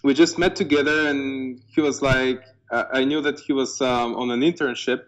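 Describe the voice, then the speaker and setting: A man's voice: mid-range voice, fairly even intonation, moderate pace, fairly bright tone, dull audio. A man in his twenties from eastern Bulgaria, speaking with a Bulgarian accent as a company co-founder telling his story casually in an interview. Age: 20s.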